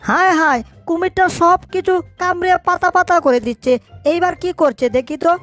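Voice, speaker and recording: A woman's voice: very high voice, a little fast, fairly bright tone, dry recording, faint music behind. A woman voicing a busy, bossy little male mouse in a cartoon dub, who scolds and talks to himself. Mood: fretful. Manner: chatty, scolding, thinking aloud. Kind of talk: fan cartoon dubbing.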